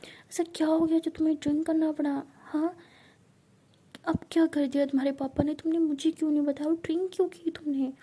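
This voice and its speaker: A woman's voice: sits high, flat delivery, fairly quick, warm tone, pitched above the performer's own voice, close to an everyday voice. A woman voicing a caring young college woman who fusses over and scolds her girlfriend. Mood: worried scolding. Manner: fussing, scolding, coaxing. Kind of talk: storybook role-play.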